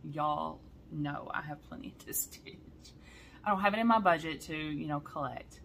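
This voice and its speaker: A woman, chatting excitedly to her viewers in a cross-stitch vlog and often saying y'all. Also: low-pitched, moderate pace, slight background noise. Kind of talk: casual chat to viewers.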